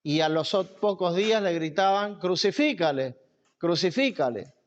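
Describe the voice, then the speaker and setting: A man's voice: sits high, fairly even intonation, normal speed, smooth, dull audio. A man preaching a sermon at a church camp, emphatic and repeating key phrases.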